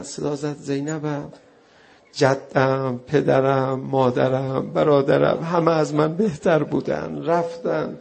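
A man preaching a mourning sermon, telling the story in an impassioned way that swells into loud, tearful cries. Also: a little high, vocal fry. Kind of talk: mourning sermon with recited narrative.

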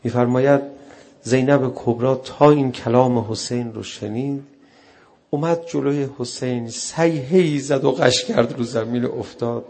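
A man preaching a mourning sermon, telling the story in an impassioned way that swells into loud, tearful cries. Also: medium pitch. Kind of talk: mourning sermon with recited narrative.

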